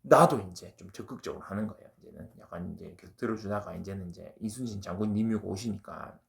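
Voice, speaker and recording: A man's voice: deep voice, fast, creaky. A man giving a casual exam-prep literature lecture, chatty and full of slang, often checking in with his listeners. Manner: chatty, keeps asking "right?" and drops into slang.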